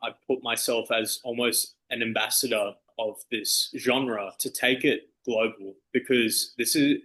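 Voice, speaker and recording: Unhurried and steady at a medium pitch, this man's voice sounds pushed and bright over poor audio. He's a DJ from Australia talking as an interview guest, relaxed and loose, with lots of "you know" and "like".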